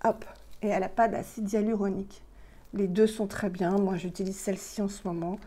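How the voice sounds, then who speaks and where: Casting note: middle-aged woman, mellow tone, a little breathless, chatty home beauty vlogger with a clip-on mic. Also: mid-range voice, level tone, fairly quick. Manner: chatty, many fillers and restarts, demonstrating products. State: slightly out of breath. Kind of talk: casual product review. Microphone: plugged-in microphone.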